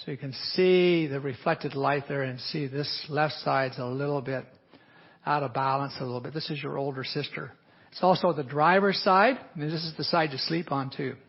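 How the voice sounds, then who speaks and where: A man's voice: fairly high pitch, fairly even intonation, normal speed, slightly rough. A man who works as an aesthetic physician, explaining a treatment plan while he marks up a patient in a live teaching demonstration, often hedging with "a little bit". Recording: dull lo-fi audio.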